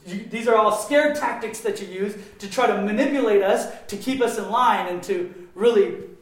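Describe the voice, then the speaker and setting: A man preaching a sermon with passion, his voice swinging between loud emphatic stretches and quieter ones. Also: sits high, moderate pace. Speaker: pastor. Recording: very echoey room.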